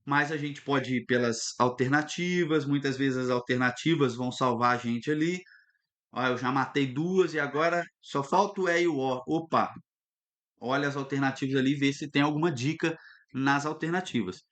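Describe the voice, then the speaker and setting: A man teaching a recorded lesson, lively and instructive, often stopping to check that students follow. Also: mid-range voice, normal speed. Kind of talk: recorded online lesson at a whiteboard.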